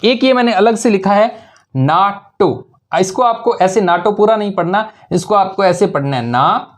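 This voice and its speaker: A man's voice: high-pitched, lively intonation, normal speed. A male teacher giving an exam-prep lesson with memory tricks, asking questions and answering them himself, and repeating key words for emphasis.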